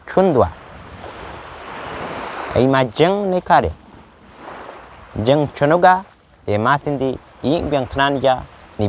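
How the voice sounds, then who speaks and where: Young man chanting by the sea. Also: medium pitch. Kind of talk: chanted prayer in a native language. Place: outdoors on a beach by the sea. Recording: dull outdoor recording with faint sea noise.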